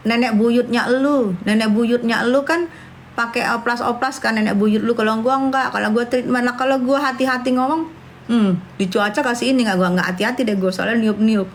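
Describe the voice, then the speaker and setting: A woman's voice: fairly high pitch, a little hiss or hum. A woman, chatting brashly and scornfully on a livestream, calling her viewers darling. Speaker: livestream host. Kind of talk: casual livestream chat with viewers.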